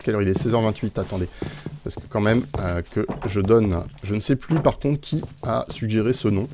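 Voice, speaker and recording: Against a noisy background, a fairly low-pitched man comments casually on his Minecraft game. He rambles on with frequent "euh" fillers and quiet laughs along the way.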